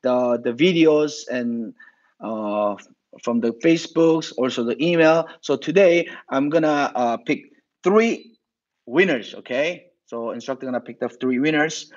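A man running an online martial arts class, hoarse and speaking broken English in an upbeat emcee manner. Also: medium pitch, measured pace. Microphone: phone. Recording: dull lo-fi phone audio.

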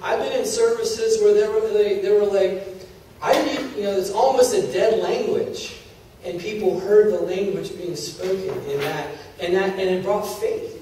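A middle-aged preacher teaches a sermon in a chatty style, regularly checking in with "Are you with me?" and "okay?" Speaking into a handheld mic in a big church hall, he is recorded by a distant camera, so the sound is echoey with a little hiss or hum. His voice sits high and mellow at a normal speed.

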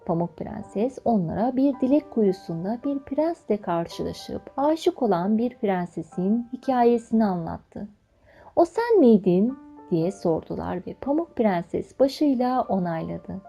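A woman in her twenties narrating a children's fairy tale in an expressive, storybook manner. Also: medium pitch, measured pace, creaky, hardly any pauses, faint music behind. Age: 20s. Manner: expressive, animated reading.

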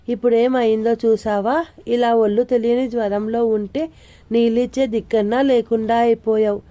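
A woman's voice: a little high, mellow, close to an everyday voice. A woman voicing a prying older male neighbor who lectures in a fatherly, preachy way, in an audio novel.

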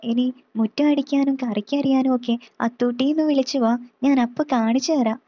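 A woman's voice: high-pitched, fairly even intonation, normal speed, no room sound, lo-fi sound. A woman voicing a playful, sulky young girl who bickers with her mother and brother. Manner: pouty, playful. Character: playful teenage girl, sulky little sister.

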